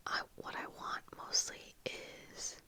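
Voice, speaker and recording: In a small room at home with bookshelves, a young adult ASMR creator speaks only in a breathy whisper right up against the mic. She talks slowly and haltingly, like casual chatter while getting ready, and her whisper is very bright and sharp-edged. She wears earphones and uses a fluffy-covered mic close in front.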